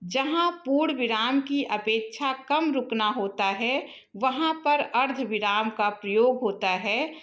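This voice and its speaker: A woman teaching a Hindi grammar lesson for exam students, explaining slowly and addressing her students directly. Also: fairly high pitch, a bit bright.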